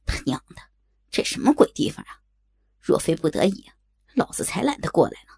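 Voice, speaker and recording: A coarse, lecherous young bandit from an audiobook, grumbling and crude, as a woman narrator puts him on. His voice sits low and gravelly with a husky edge. He sounds dry and close. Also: animated, normal speed, a little mellow, no echo, heavily acted.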